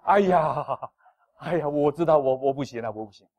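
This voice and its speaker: A male pastor preaching a sermon in an animated, playful way, with self-deprecating humor. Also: a little high, normal speed, no echo.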